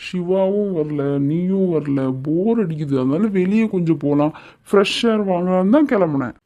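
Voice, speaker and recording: A woman's voice: fairly low pitch, normal speed, dark tone, natural voice. A woman doing a lovestruck young cartoon man. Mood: soothing. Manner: coaxing and playfully bossy. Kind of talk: cartoon voice acting.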